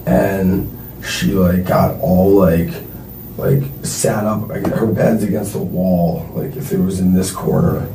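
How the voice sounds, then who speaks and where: A young man under police questioning, talking haltingly and filling nearly every phrase with "like". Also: low voice, fairly even intonation, vocal fry. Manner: halting, filler-heavy, constantly says like. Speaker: suspect being questioned. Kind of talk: police interrogation. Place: police interview room. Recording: roomy distant recording with faint noise.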